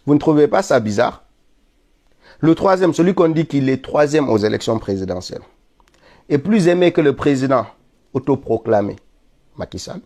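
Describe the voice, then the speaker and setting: Streaming live with a stuffy cold, a political commentator from Senegal gives an insistent monologue that rises to indignant peaks. His medium-pitched, dark-toned voice has lively intonation at normal speed, and he pauses often.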